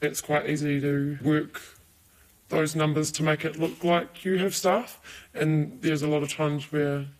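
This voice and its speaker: An anonymous female teacher, speaking in an interview through an electronically altered, disguised deep voice, blunt and emphatic. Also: little pitch movement, a little slow, a little mellow, poor audio. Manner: blunt, emphatic, repeats key words. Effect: voice electronically altered, pitched down to a disguised deep voice. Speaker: early childhood teacher.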